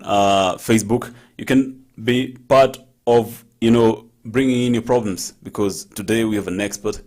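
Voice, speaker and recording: A man hosting a farming talk show, introducing guests and plugging social media smoothly. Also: fairly low pitch, a little mellow. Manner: smooth, promotional, many affirming interjections. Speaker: host.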